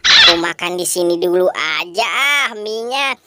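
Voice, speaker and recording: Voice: medium pitch, lively intonation, a little slow, very noisy, pitched below the performer's own voice, close to an everyday voice. A performer voicing a greedy chubby boy hero in a clown skit, with a whiny, groaning comic manner. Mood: gleeful. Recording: loud music bed under voice.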